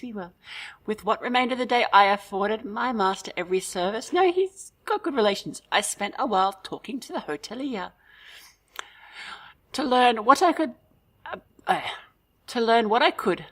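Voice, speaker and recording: A woman's voice: fairly high pitch, fairly bright tone. Woman reading game text aloud. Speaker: let's play host.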